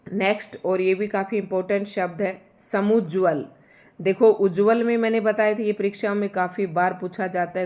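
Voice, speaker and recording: A woman teaching Hindi spelling online for exam candidates, pronouncing words slowly syllable by syllable and correcting her own slips. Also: lowish voice, darkish tone. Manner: slow, careful syllable-by-syllable pronunciation, self-correcting.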